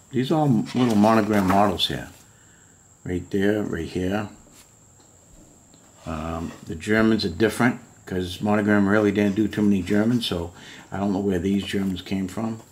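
At home in a room packed with model kit boxes, a middle-aged collector casually shows old books to the camera, musing aloud with lots of fillers in a show-and-tell vlog. He speaks at normal speed in a low, darkish voice.

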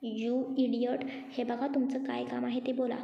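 A woman's voice: on the high side, little pitch movement, moderate pace, creaky, slight background noise. A woman voicing a talkative, quarrelsome young woman in a story. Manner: quarrelsome, sharp-tongued. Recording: dull echoey room.

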